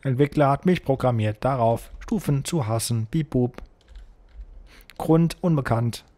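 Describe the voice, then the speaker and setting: A man's voice: medium pitch, unhurried, mellow, lightly acted. A man putting on a stiff robot voice while playing a game, announcing his status in clipped phrases and saying beep boop. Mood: mock-mechanical. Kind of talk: let's play commentary.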